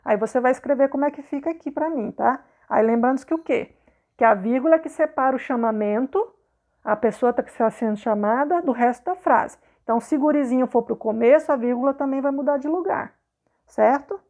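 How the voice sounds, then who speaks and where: A woman teacher with a Brazilian Portuguese accent explains a worksheet in a recorded video lesson. Her voice sits high, and she talks patiently, repeating questions and checking in with her students after nearly every sentence. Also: brisk, darkish tone. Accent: Brazilian Portuguese, not southern.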